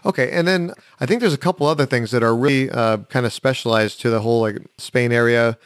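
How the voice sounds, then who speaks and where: Fast-talking male interview host. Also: medium pitch, clean tone, no echo, studio quality. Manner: quick, affirming, asks follow-ups. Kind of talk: casual interview chat.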